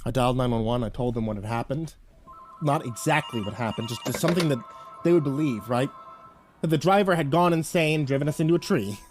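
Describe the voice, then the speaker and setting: Male creepypasta narrator, tense first-person delivery with nervous stammers, mid-pitched voice. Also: brisk, over music. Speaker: horror story narrator.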